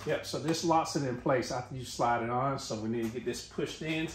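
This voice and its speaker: An American man with a brisk, mid-range voice hosts a DIY tutorial, narrating casually and thinking aloud as he works. He's indoors in a garage workshop, and the recording is echoey, with noise and clicks.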